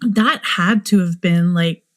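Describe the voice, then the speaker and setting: A woman hosts a true crime show, offering speculative commentary as she muses aloud and poses many rhetorical questions. Her voice is fairly low, and she takes things slowly.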